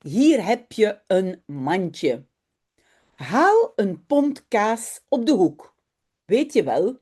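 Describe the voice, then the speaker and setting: Kindly storybook mom giving an errand, woman reading it, slow and gentle. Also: mid-range voice, very animated, husky, heavily acted.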